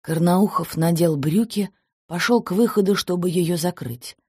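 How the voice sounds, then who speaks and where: Woman narrator, audiobook, low husky voice, dry close sound. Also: normal speed, warm tone, dry recording. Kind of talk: scripted narration.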